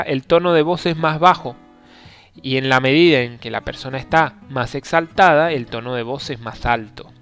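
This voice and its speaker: A man hosting an instructional podcast, explaining step by step in a calm, measured way with occasional hesitations. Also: fairly high pitch. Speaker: podcast host teaching negotiation.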